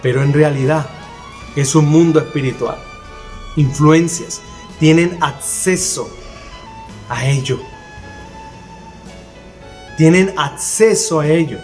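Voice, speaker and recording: A man's voice: fairly high pitch, slow, long pauses, a little mellow, faint music behind. A man preaching a sermon, earnestly telling a personal testimony and repeating phrases for emphasis. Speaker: minister.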